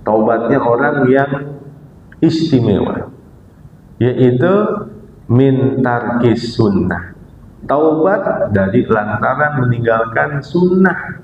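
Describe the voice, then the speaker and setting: A man preaching a sermon, teaching slowly, reciting Arabic phrases and then explaining them with repetition. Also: lively intonation. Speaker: preacher teaching Quranic commentary. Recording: echoey hall, muffled lo-fi sound with faint rumble.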